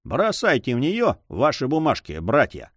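A man's voice: mid-range voice, wildly swooping pitch, normal speed, fairly bright tone, no room sound. A man voicing a jovial, cheerful pirate in an audiobook. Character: cheerful pirate in a beaver hat.

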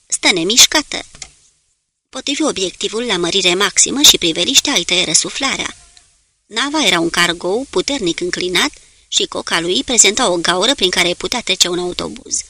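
A woman reading a novel aloud as an audiobook narrator, in a steady, measured way. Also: fairly low pitch.

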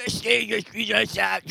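A man's voice: sits high, flat delivery, slow pace, gravelly, sharp tone, dry recording, studio quality. Playful rambling radio man. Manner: rambling, playful, wordplay and stammered restarts. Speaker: radio host. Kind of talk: absurd comic storytelling on radio.

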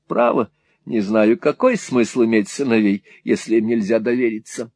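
A man's voice: medium pitch, normal speed, a little mellow, dry recording, close to an everyday voice. A man reading an audiobook, voicing a rambling, scatterbrained middle-aged mother who drifts from topic to topic. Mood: chattering. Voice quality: rambling, breathless digressions.

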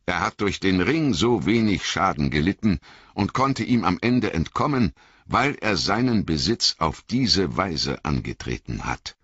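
A man voicing an old, wise male wizard who speaks in a grave, measured way with emphatic repetition, in an audiobook reading. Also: deep voice, big pitch swings, fairly bright tone, husky, no room sound, exaggerated voice. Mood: admonishing. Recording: dull lo-fi audiobook recording.

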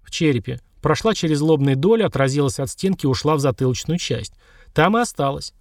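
A male narrator voicing a frightened middle-aged surgeon who turns brisk and businesslike, his voice raised above his narrating tone. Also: on the high side, animated, dry recording, studio quality. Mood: grumbling. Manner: nervous, then brisk and businesslike.

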